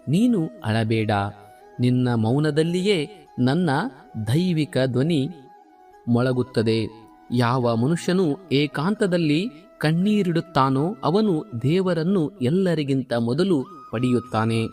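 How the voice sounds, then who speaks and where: Krishna, a man voicing the slow, solemn god. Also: medium pitch, a little mellow. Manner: slow solemn consoling, lifts stressed words. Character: the god Krishna, calm consoling divine male. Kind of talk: devotional scripted monologue.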